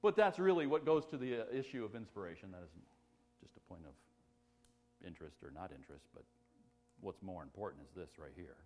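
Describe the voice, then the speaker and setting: A man preaching a sermon as pastor, mixing loud, excited exclamations with quiet, conversational teaching asides and humor. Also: deep voice, fairly quick.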